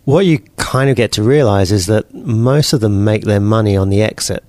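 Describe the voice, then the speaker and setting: A guest entrepreneur being interviewed, this New Zealand-born man in his forties has a British accent and a voice on the low side. Recorded dry at normal speed, he replies casually and relaxed, restarting often and repeating his words.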